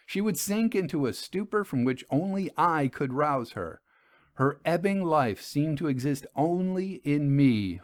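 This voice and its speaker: In a studio-quality recording with no room sound, a middle-aged male narrator with a slightly high voice reads a gothic first-person tale. He sounds grave and sorrowful, his voice rising in anguish at the story's peaks.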